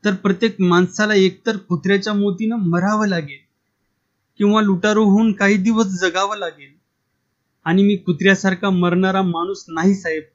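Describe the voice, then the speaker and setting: A man voicing a defiant middle-aged village official who speaks forcefully and indignantly. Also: high voice, natural voice. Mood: stern. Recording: dull lo-fi recording.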